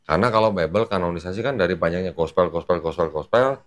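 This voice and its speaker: A man's voice: deep voice, fast talker. A man, an Islamic preacher explaining at length in casual talk, patient and full of fillers.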